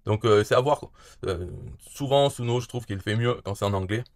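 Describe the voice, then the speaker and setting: A man with a fairly low voice walks through a software tutorial in an easygoing, unscripted way. He pauses often, fills gaps with hesitations and restarts his sentences. The sound is dry and close, with no room around it. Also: no room sound. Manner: hesitant, many "euh" fillers and restarts. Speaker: tutorial presenter. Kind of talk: casual screen-recorded tutorial.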